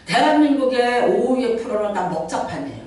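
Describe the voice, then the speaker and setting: A middle-aged woman pastor giving a Sunday sermon, chatty and playful as she tells stories and acts out quotes. Her pitch swings widely and animatedly. The sound is very echoey, with the mic set well back in a church hall. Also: expressive, brisk, a little mellow, recorded from a distance. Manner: conversational storytelling with playful asides and acted-out quotes. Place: church sanctuary.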